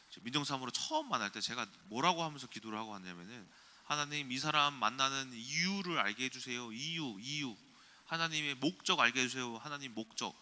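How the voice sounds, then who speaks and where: A male pastor preaching a sermon, telling personal stories in an animated way. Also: mid-range voice. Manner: animated, anecdotal storytelling. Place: church sanctuary.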